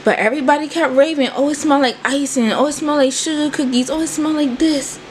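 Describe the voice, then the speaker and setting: This young vlogger, in her twenties, has a high-pitched voice with fairly even intonation and talks a bit fast. Recording indoors in her small bedroom on a phone held in hand and then propped on a desk, she casually and energetically addresses viewers as "y'all," with a little hiss or hum in the audio.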